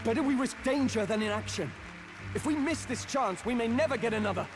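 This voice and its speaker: Resolute young hero, high-pitched, righteous, video game drama, music behind. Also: male voice, fairly quick. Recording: background music.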